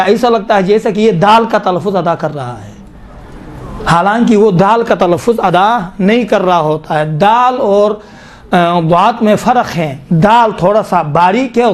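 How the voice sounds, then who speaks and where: A man teaches Quranic pronunciation in Urdu with a Pakistani accent, his voice sitting fairly high. He demonstrates letter sounds slowly and repeats syllables again and again so the listener can copy them. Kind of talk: tajweed pronunciation lesson.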